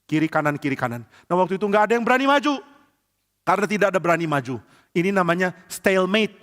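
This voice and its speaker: Casting: lively, high-voiced male preacher, playful storyteller, long reverb of a church hall. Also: fast. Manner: animated, playful, with colloquial asides and sound effects. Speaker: pastor. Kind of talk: storytelling sermon. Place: church service.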